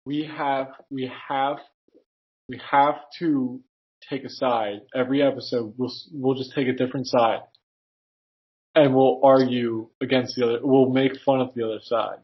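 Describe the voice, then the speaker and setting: A man's voice: mid-range voice, steady tone, moderate pace, dull audio. A young man co-hosting a podcast, goofy and playful, often trailing off mid-sentence. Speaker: podcast co-host. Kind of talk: casual chat.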